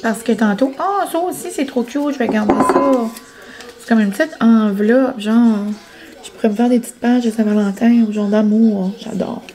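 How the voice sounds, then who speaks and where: A woman's voice: a little high, moderate pace, noisy background. Chatty Quebec French woman vlogging at home. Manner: chatty, excitable, mixes in English words. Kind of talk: casual vlog chat. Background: background music.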